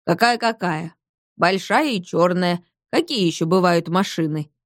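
A woman's voice: fairly low pitch, measured pace, dry recording, studio quality, close to an everyday voice. A woman voicing a stubborn old grandmother who answers evasively and wails songs off-key.

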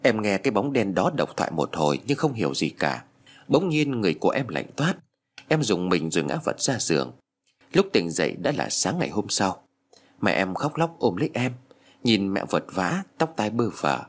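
Husky low-voiced male storyteller. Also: normal speed. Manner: expressive storytelling. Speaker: narrator. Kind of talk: audiobook ghost story narration. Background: faint background music.

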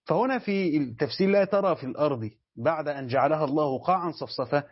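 Man, Egyptian accent, sheikh teaching, slightly high voice, husky, lo-fi lecture recording. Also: expressive, fast. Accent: Egyptian Arabic. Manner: explains step by step, often checks whether students follow. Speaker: sheikh teaching Quran commentary. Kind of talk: classroom lesson.

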